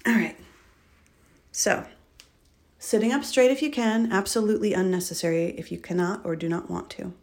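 A woman leading a guided breathing and relaxation exercise, giving gentle instructions with candid, informal asides. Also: mid-range voice, fairly even intonation, normal speed, pauses often.

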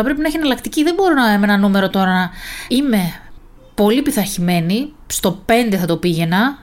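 A young woman hosts a casual solo podcast and talks straight to the listener. She is chatty and pokes fun at herself, and her voice sits at an ordinary middle pitch for a woman. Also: a little mellow. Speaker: podcast host.

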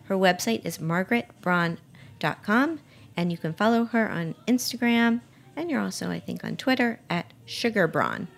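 A woman's voice: mid-range voice, lively intonation, normal speed, vocal fry. A woman hosting a food radio show, chatting casually with her guest and restarting her sentences often. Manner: chatty with frequent restarts and laughs. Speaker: podcast host. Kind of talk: casual radio interview chat.

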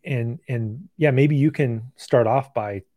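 A man hosting a live stream interview, asking questions in a relaxed, conversational way with some fillers. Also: medium pitch, slow, no echo. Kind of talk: casual interview.

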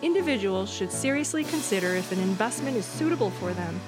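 Woman reading a legal disclaimer over loud music. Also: mid-range voice, expressive, fast. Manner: formal, reading fine print straight through. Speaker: disclaimer announcer. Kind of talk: scripted legal disclaimer read.

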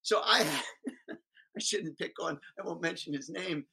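Emphatic older speaker with a bright voice. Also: mid-range voice, gravelly, slightly rough, rough recording. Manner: emphatic, speechmaker's rhythm with sudden loud rises and slow stresses. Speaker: guest speaker on public schools. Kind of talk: animated interview storytelling.

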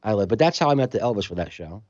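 A man telling a story in casual conversation, animated and acting out other people's voices, in a slightly muffled recording. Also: lowish voice, very fast, no echo. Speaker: storytelling guest musician.

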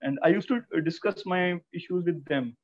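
A young man with a North Indian accent giving a personal account in an interview, speaking haltingly with frequent restarts. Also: sits high. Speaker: interview guest, cancer survivor. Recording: thin, phone-like call audio.

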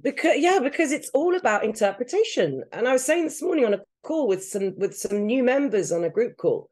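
Mellow-voiced woman explaining earnestly. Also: on the high side, expressive, fairly quick. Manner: earnest, explanatory, builds points with repetition. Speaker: podcast co-host and coach. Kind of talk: casual podcast chat.

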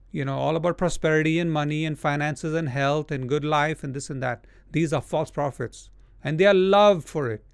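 A man's voice: a little high, smooth, no room sound. Blunt, scolding male preacher. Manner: reads scripture verses slowly. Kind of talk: sermon.

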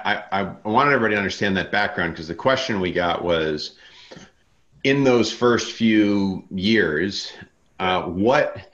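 A man's voice: low-pitched, fairly bright tone. A man interviewing a guest on a video call. He teases lightly and often restarts his sentences. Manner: teasing, with stammering restarts. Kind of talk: casual interview. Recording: dull lo-fi video call audio.

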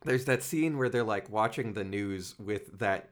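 A man's voice: fairly low pitch, a little slow, over a noisy crowd. A man appearing as a guest on a movie podcast, making dry, wry remarks in casual chat.

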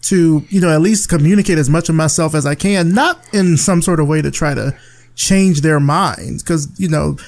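Candid Southern man, higher voice. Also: moderate pace, creaky, a little mellow. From rural Alabama, USA. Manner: candid, thoughtful, frequent restarts. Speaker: podcast guest. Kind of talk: casual conversation.

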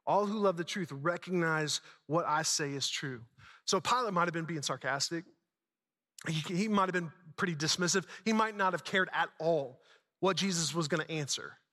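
This preacher keeps his sermon casual and slangy yet emphatic, leaning on repetition and rhetorical questions. He talks at a normal speed in a fairly high, sharp voice, echoing through the big indoor church hall.

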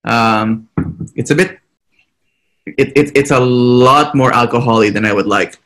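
A man co-hosting a casual podcast, a bit hesitant and quick to laugh, on a video call. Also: mid-range voice, a bit bright, low-quality recording. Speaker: podcast co-host.

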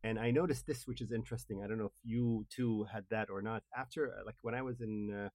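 A man's voice: fairly low pitch, steady tone, a little mellow, dry recording. A man with a Gulf Arabic accent and Arabic as his first language, speaking hesitantly in a casual group conversation. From Kuwait. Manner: hesitant, halting. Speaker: discussion panelist.

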